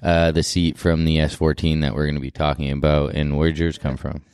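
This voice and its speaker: A man's voice: extremely low pitch, flat delivery, brisk, a little mellow, smooth, dry recording, studio quality. A man hosting a casual podcast chat, recorded in a garage.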